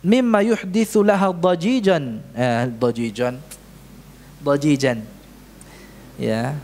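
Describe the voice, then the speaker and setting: Man, Indonesian accent, Quran recitation teacher, slow unhurried delivery, mosque lesson. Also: fairly high pitch, a little mellow. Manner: questions the audience often, demonstrates Arabic sounds slowly. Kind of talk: tajwid lesson with live recitation examples. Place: mosque prayer hall.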